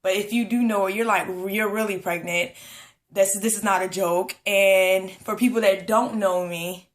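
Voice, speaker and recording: A woman's voice: medium pitch, fairly even intonation, moderate pace. A young woman talking casually to her camera in a rambling pregnancy vlog, full of fillers and a little out of breath. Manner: chatty, rambling, many fillers. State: a bit out of breath. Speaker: vlogger. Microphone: camera at close range.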